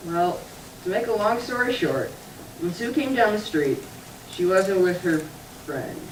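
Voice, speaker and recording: In a plain church puppet show setting, a woman plays a small boy puppet who sulks, whines, and sniffles, crying in bursts as he confesses. Her medium-pitched delivery is very animated yet unhurried. The distant mic leaves the voice ringing through an echoey room with faint hiss underneath.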